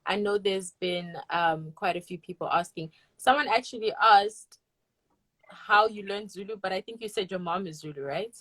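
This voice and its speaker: A woman's voice: mid-range voice, normal speed, a bit bright, no room sound, poor audio. A woman hosting a live Q&A, reading out audience questions with hesitant fillers. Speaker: host.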